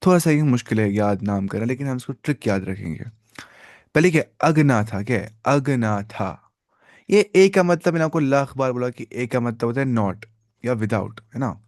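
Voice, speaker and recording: Male biology teacher, live online lecture, questions the class and answers himself, drawn-out key terms, dry close sound. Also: medium pitch, lively intonation, a little mellow, dry recording. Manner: repeats key terms slowly, syllable by syllable; mixes English science terms into casual Hindi.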